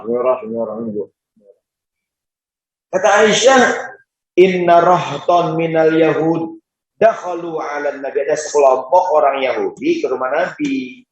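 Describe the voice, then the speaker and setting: A male preacher giving a humorous sermon in a mosque and often addressing the congregation. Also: medium pitch. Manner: joking, addresses the audience often. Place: mosque hall in Jakarta. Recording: roomy dull mosque hall.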